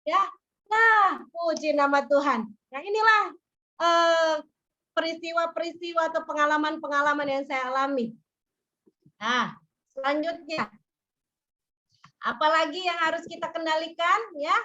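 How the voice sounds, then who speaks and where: High, bright-voiced woman preacher. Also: measured pace, long pauses, muffled recording. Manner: lively storytelling, acts out quotes. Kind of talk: sermon with personal stories.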